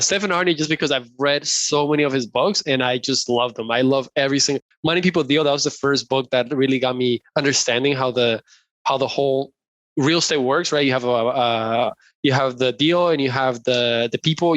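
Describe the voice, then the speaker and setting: A man's voice: mid-range voice, a little fast, a bit bright, no room sound, muffled recording. Upbeat chatty young man from Colombia. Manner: upbeat, chatty, laughs often. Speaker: guest, real estate investor. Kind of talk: casual interview chat.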